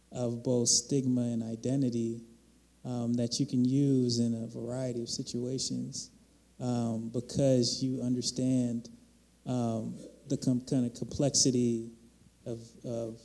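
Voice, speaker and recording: Dark, slow-talking man panelist. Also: mid-range voice. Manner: measured, reflective. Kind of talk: panel discussion. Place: large hall on a stage. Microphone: handheld mic.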